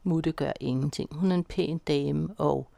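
A woman voicing a calm, firm young woman who reassures and takes charge. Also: low-pitched, vocal fry, no echo, studio quality.

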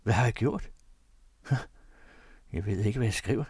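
A man giving a dramatic first-person reading of an old diary, shifting between hushed confession and agitated outbursts. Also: lowish voice, breathy edge, dry recording. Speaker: reader.

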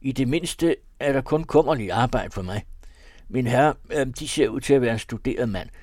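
A man's voice: medium pitch, lively intonation, darkish tone, no echo, clean studio sound, pitched above the performer's own voice, close to an everyday voice. A man voicing a small, round, fawning male executioner in a classic novel reading, wordy and mock-dignified.

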